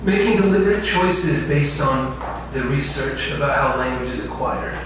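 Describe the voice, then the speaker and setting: An expressive, mid-range male voice at moderate pace belongs to an instructor giving an info session lecture. He regularly asks questions of the class in a large, echoey lecture room, recorded from afar with faint noise.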